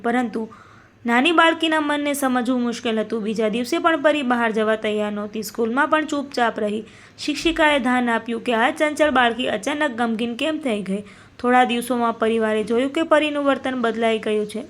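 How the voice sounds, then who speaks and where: A woman reading a scripted moral story in a steady, solemn narrating voice. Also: fairly high pitch.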